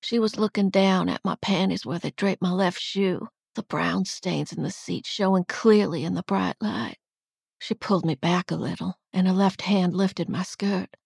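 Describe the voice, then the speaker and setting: Brief: expressive audiobook narrator, a woman with a low, husky voice, dry close recording. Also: normal speed, dry recording. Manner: expressive, dramatic reading. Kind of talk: first-person audiobook narration.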